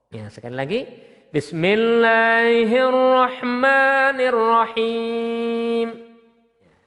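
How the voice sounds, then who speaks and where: A man gives a slow, patient recitation lesson in a fairly high, gravelly voice. He breaks verses into single sounds, then chants them in long, melodic lines. The room adds a long, echoing reverb. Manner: patient, repeats words slowly, chants verses in a drawn-out melodic tone. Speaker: Quran recitation teacher.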